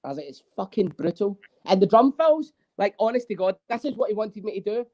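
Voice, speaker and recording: A man, a guest drummer, telling animated, swear-filled stories in a casual interview. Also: high voice, quick pace. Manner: animated storyteller, swears freely.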